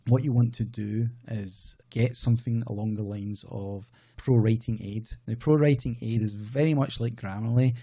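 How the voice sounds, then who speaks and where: Talking loosely to camera on his outsourcing business channel, this Scottish host rambles, self-corrects and keeps things conversational. He speaks in a lowish, husky voice that is gravelly and warm.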